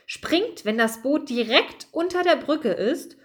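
A woman doing a squeaky little mouse musketeer. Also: lively intonation, slow. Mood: urgent. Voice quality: squeaky, high. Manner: urgent, commanding calls. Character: small brave male mouse musketeer leader.

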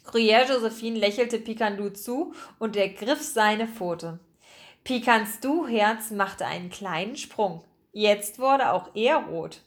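A woman narrating a children's storybook in a gentle, clear reading voice. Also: mid-range voice, slow pace. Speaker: audiobook reader.

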